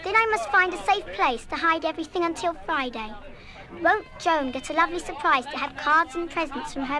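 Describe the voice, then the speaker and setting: A woman's voice: sits high, lightly acted. An actress playing an impulsive, good-hearted schoolgirl of about eleven in a children's radio play, with an eager, emphatic delivery. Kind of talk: 1970s full-cast children's radio play acting.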